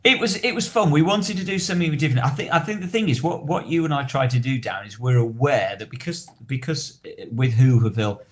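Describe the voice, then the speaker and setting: A medium-pitched man co-hosts a podcast in casual discussion, speaking wordily and haltingly while repeating and rephrasing himself.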